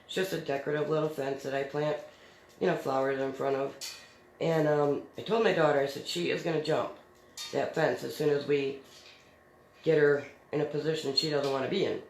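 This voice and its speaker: This crafts host speaks briskly in a low, steady voice. A middle-aged woman, she tells a story in an easygoing, chatty way while crafting, laughing frequently and using lots of fillers; the recording carries a roomy echo and faint noise.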